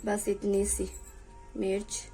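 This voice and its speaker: A woman's voice: medium pitch, completely flat delivery, takes it slowly, dark tone, faint music behind, low-quality recording. A young woman hosting a home cooking tutorial in her kitchen, chatting as she works and pleading with viewers to subscribe. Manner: talks while cooking, voice drops off-mic at times. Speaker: cooking channel host.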